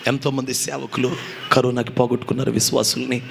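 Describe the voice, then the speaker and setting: A male pastor preaching a fasting prayer sermon with great passion, swinging between loud calls and hushed pleading and firing off rhetorical questions. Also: mid-range voice, little pitch movement, gravelly. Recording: echoey hall with faint ambient noise.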